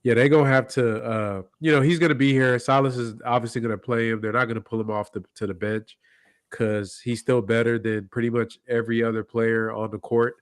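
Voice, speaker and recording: A man's voice: on the low side, no room sound, studio quality. A man with a stuffy, nasal voice from a cold, co-hosting a casual post-game basketball chat in a laid-back, slangy way full of fillers. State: sick, congested nasal voice. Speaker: co-host of a basketball podcast.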